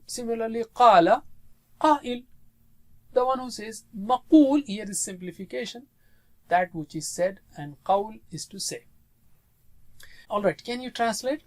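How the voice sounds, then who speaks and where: A man with a fairly high voice teaches a class at an unhurried pace. He mixes English explanations with Arabic words and patiently drills his students in call-and-response. His tone stays steady and instructive.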